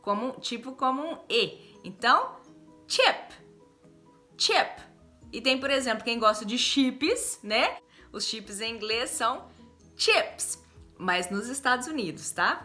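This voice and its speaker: A woman's voice: fairly high pitch, pushed and bright. A Brazilian woman teaching English pronunciation in Brazilian Portuguese, exaggerating and stretching each vowel as she demonstrates it. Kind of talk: pronunciation lesson.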